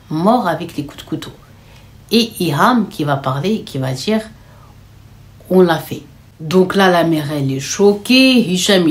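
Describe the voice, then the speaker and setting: A young woman telling a dramatic story in a casual, conversational storytime style, with slang and fillers. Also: mid-range voice.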